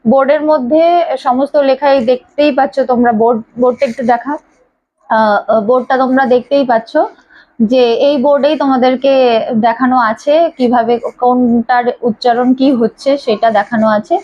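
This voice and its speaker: A female English teacher patiently drills pronunciation with a small class, repeating each sound many times in a classroom with a board. Her high-pitched voice is steady, fairly quick, and a little mellow, and the highs are cut off.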